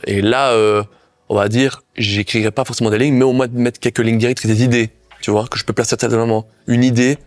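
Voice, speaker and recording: A man with a Belgian accent chatting in an interview, animated and rambling, with constant little asides. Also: mid-range voice, quick pace, no room sound. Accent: Belgian French. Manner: animated, rambling, frequent "tu vois". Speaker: guest, content creator. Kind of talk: casual interview chat.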